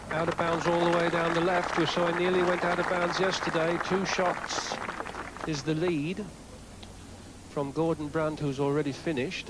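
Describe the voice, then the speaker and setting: A man giving live golf commentary in short, spare phrases. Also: on the high side. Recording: noisy outdoor broadcast.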